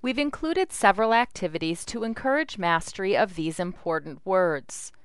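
A woman's voice: mid-range voice, lively intonation, normal speed, clean tone, no echo. A woman giving scripted instructional narration as the narrator of a product demo.

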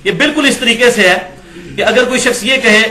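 A man's voice: very high voice, bright, forceful tone. A man delivering a religious lecture. He reads passages from books and comments sharply, asking rhetorical questions. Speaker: Islamic lecturer.

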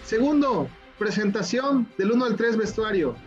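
A man, a teacher trainer hosting a children's event over a video call, talking in an animated, coaxing way and repeating himself. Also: high-pitched, moderate pace, highs cut off, faint music behind. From Mexico. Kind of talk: lively online workshop hosting.

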